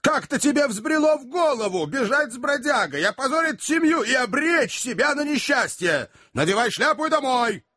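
A man voicing an irate elderly gentleman who scolds, shouts and gives orders, in an audiobook. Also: high voice, big pitch swings, moderate pace, hardly any pauses, pitched above the performer's own voice, heavily acted. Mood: furious. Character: irate elderly country gentleman, blustering and bossy. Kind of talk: audiobook character voice.

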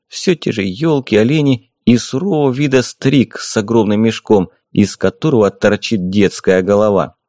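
A man narrating a fantasy audiobook in an expressive, lively reading voice. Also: on the low side, no room sound, studio quality.

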